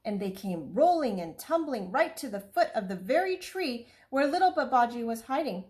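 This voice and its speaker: A woman reading a children's storybook aloud with expressive, lively storytelling. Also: on the high side, moderate pace.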